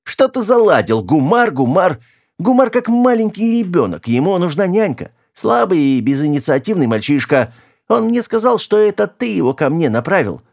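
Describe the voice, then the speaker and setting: A man's voice: sits high, sing-song, normal speed, vocal fry, voice pushed up, exaggerated voice. A man voicing a capricious, bold young woman in an audiobook, teasing one moment and scolding the next. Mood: scornful. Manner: teasing, then sharp and scolding. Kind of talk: audiobook character voice.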